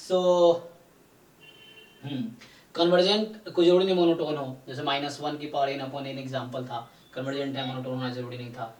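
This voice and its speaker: A man teaching a live online math class, explaining step by step and often checking in with his students. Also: on the high side. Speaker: statistics teacher. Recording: roomy echo, distant mic.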